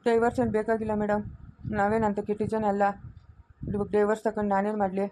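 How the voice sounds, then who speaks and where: A woman's voice: mid-range voice, little pitch movement, fast talker, warm tone, slight background noise, natural voice. Woman playing a pleading father from Chikkaballapur. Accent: Kannada of Chikkaballapur area. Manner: pleading, deferential, keeps saying madam. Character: pleading estranged father longing for his baby son. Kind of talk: amateur family drama acting.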